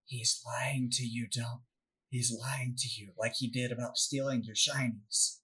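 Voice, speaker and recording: A man's voice: medium pitch, level tone, measured pace, bright, forceful tone. A man playing a small, sly shoulder-rider. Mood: scheming. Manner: insistent, scheming, plain-spoken. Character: small sly male companion whispering on a shoulder.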